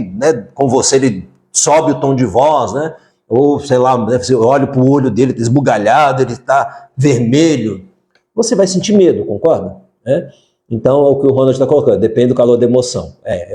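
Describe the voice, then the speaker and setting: Mellow-voiced man hosting a live. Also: mid-range voice. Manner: conversational, asks viewers direct questions, frequent fillers. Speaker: parenting educator hosting a live stream. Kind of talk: live-stream talk answering viewer comments.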